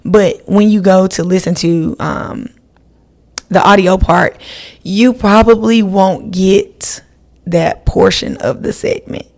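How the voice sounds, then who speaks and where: In a relaxed solo episode, a woman rambles on to her listeners as host of her podcast. Her voice is medium in pitch, creaky, and somewhat dark in tone.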